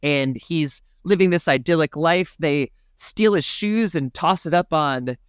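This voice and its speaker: A man co-hosting a podcast, recapping a film in casual chat as a playful, animated storyteller. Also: a little high, unhurried, clean tone, dry recording, clean studio sound. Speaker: podcast co-host.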